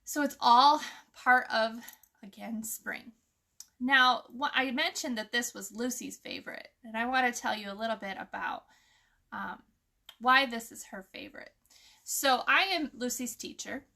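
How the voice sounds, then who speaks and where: Reading aloud during an informal nature lesson for kids, a woman explains things casually and quizzes her small audience. She speaks a little high, in a pushed, bright tone.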